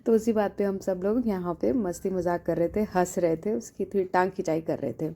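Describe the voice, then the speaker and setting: A woman's voice: on the low side, steady tone, a little fast, mellow. Chatty young woman vlogging. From India. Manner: chatty, laughs often, teasing. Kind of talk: casual vlog narration.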